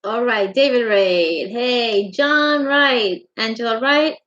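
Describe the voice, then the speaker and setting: A middle-aged woman hosts a casual livestream from her home craft room, her voice sitting a little high. She greets each viewer warmly and calls them honey. The audio is dull and lo-fi, like a home stream. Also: slow. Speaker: livestream host.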